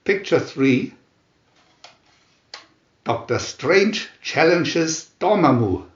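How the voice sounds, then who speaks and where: Reading View-Master booklet captions, a male narrator delivers comic book text like a theatrical announcer, very slowly and with long pauses. His voice sits a bit high for a man, with lively intonation and wide pitch swings. The lo-fi recording carries noticeable room echo.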